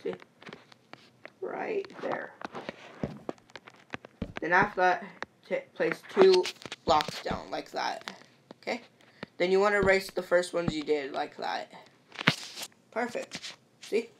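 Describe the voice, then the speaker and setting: This low-leaning female voice is slow and lively in intonation, with vocal fry and long pauses. She voices a patient game-building tutorial step by step, often asking "see?" and saying "perfect," over a noisy home recording full of clicks.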